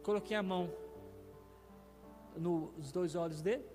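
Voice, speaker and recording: A man's voice: sits high, a little slow, darkish tone, long reverb tail, faint music behind. A male pastor with a Brazilian Portuguese accent, telling a testimony in a sermon, with emotional swells. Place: church.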